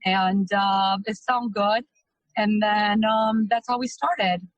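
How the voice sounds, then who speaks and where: Speaking slowly in a medium-pitched voice, a woman in her thirties originally from Romania gives a casual testimonial interview, chatty and loose with lots of hesitation. The audio is muffled and lacks any room sound.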